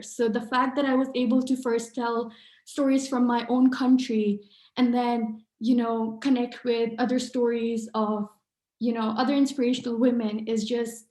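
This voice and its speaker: A young woman from Pakistan, an author and artist, speaks earnestly at a book event, with many fillers and restarts. Her voice sits on the high side with a darkish tone, and the room sounds echoey.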